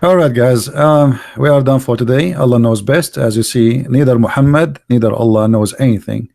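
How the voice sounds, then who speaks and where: A middle-aged man with a creaky, dark, medium-pitched voice hosts a live religious debate podcast at a moderate pace. He is sarcastic and mocking throughout, speaking heavily accented English with broken grammar.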